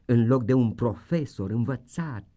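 A man narrating a storybook in the manner of a radio play, his pitch rising and falling in lively swings. His voice sits in a middling register, and the reading is animated and expressive.

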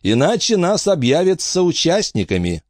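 A man voicing a nervous, dog-faced male gang boss who talks high and jumpy. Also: wildly swooping pitch, normal speed, no room sound, studio quality. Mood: agitated. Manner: high, jittery and shouting.

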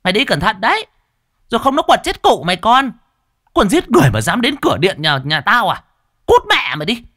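A man's voice: sing-song, normal speed, fairly bright tone, no echo, studio quality, exaggerated voice. A man voicing a fierce middle-aged female spirit medium who scolds people bluntly, in a storybook reading. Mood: furious. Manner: shrill scolding, bossy and blunt.

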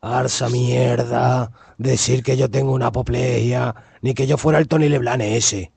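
A touchy Sevillian street tough played by a man in a comedy podcast blusters and threatens in a heavy Sevillian accent. His voice is deeply gravelly and husky, pitched at a middling level. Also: fairly even intonation, moderate pace, a little mellow, no echo. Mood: indignant. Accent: Sevillian Andalusian, put on.

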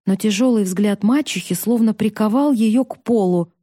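A woman narrating a fantasy story in a steady, measured storytelling voice. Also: mid-range voice, no room sound, studio quality. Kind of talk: expressive fantasy audiobook reading.

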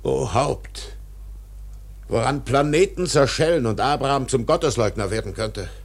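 An actor in a radio drama playing an obsessed, tyrannical older whaling captain, declaiming grandly in a gravelly, husky voice. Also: male voice, mid-range voice, unhurried. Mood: brooding, solemn. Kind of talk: literary radio drama acting.

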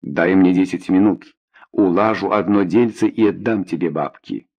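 A man's voice: sits low, normal speed, slightly rough, lo-fi sound. A man voicing a rude, greedy young male pool hustler in an audiobook, curt and sarcastic.

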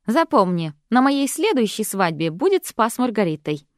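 A woman voicing a bossy, theatrical young bride who speaks in loud, emphatic declarations in an audiobook. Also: a little high, sing-song, moderate pace, no echo, studio quality. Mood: commanding.

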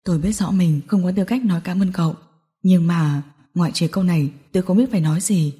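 A woman's voice: fairly low pitch, fast talker, mellow, long reverb tail, pitched below the performer's own voice, lightly acted. A woman voicing a bitter, vengeful young businessman in an audiobook drama, talking coldly through clenched teeth. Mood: cold, seething.

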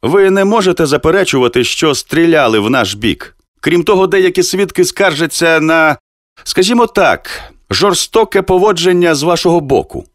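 A stern elder judge in an audiobook, voiced by a man, measured and authoritative. His voice moves up and down with emphasis. The sound is dry and close to the mic. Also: on the high side, very animated, dry recording. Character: older uncle presiding as judge, calm and firm.

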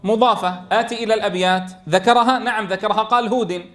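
A man teaching a tajweed lesson, asking questions and answering them himself, and chanting verse lines slowly. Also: high voice, fairly even intonation, a bit bright. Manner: explains by asking and answering his own questions. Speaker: Quran teacher.

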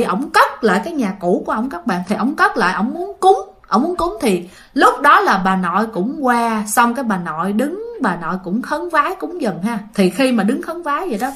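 A woman's voice: fairly high pitch, a bit bright. Chatty Southern Vietnamese storyteller woman. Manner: chatty, addresses listeners directly. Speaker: ghost story narrator. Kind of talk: casual spoken ghost storytelling.

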